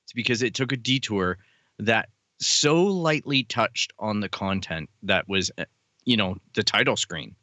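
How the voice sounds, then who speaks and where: A man's voice: fairly low pitch, expressive, unhurried, bright, forceful tone, no room sound. A man co-hosting a podcast, chatting casually and enthusiastically as a fan, swearing now and then. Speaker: podcast co-host. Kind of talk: casual chat.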